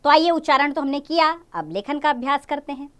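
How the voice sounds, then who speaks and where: A young woman teaching a Hindi lesson to small children. She draws out each word slowly, repeats it, and coaxes them with questions. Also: high-pitched, lively intonation. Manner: drawn-out syllables when modelling words, repeats each word twice. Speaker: primary school Hindi teacher.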